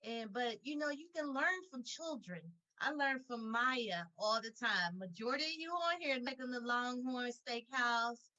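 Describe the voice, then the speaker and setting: A woman's voice: a little high, expressive, unhurried, few pauses, sharp tone, highs cut off. An older woman hosting a company video call, chatting casually and telling a playful, laughing story.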